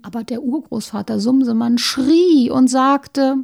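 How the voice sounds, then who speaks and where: A woman reading a children's story aloud, expressive and sometimes dropping to a whisper. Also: high-pitched, a little slow, gravelly.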